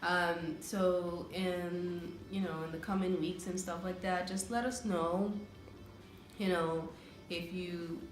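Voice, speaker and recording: Earnest woman from the Caribbean, fairly low voice. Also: steady tone, takes it slowly, roomy sound, faint music behind. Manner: earnest, hesitant, many fillers. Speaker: vlogger, co-host of a couple's channel. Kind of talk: casual chat.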